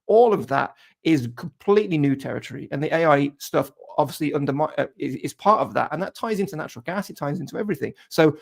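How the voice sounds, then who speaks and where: A man in his forties with a fairly high, gravelly voice, thinking aloud in casual market talk. He repeats himself and keeps checking in with "right?". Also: animated, fast, few pauses. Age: 40s. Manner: musing, repeats words, tags lines with "right?". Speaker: trading co-host.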